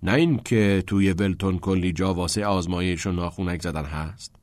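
A man's voice: deep voice, darkish tone, dry recording, close to an everyday voice. Brief: man doing snarky teen boy, mocking. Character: sarcastic teenage schoolboy Cameron.

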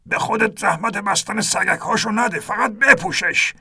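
مردی در نقش ناخدای پیر فریادزن در طوفان. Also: male voice, high voice, gravelly, husky, voice pushed up, full character voice. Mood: urgent. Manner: desperate yelling over the wind. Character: old sea captain shouting in a storm.

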